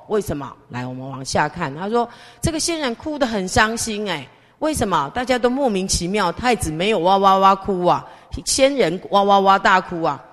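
A woman's voice: fairly low pitch, in a large hall. A woman teaching a class by telling a Buddhist story. She keeps asking the listeners questions and draws her words out with little particles.

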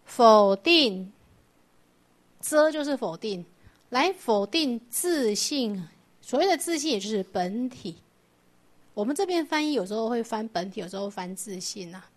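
A woman gives a Buddhist doctrine lecture. Her voice sits a little high, and she explains things patiently. She keeps putting rhetorical questions to her students. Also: animated, unhurried. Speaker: Buddhist teacher.

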